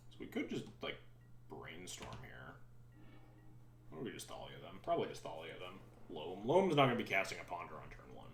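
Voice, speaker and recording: A man's voice: low voice, sing-song, moderate pace, gravelly, echoey room, soft background music. A man streaming a card game, thinking aloud in rambling, sometimes sarcastic casual commentary.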